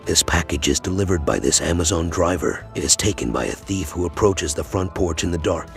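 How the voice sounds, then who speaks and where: A man's voice: sits low, expressive, brisk, vocal fry, over loud music. A man reading scripted narration for a compilation of crime clips.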